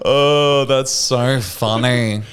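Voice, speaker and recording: A young man co-hosting a comedy podcast, telling stories in animated casual chat and acting out what others said. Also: medium pitch, extremely slow, clear, resonant tone. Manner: animated storytelling, acts out quotes. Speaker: podcast co-host.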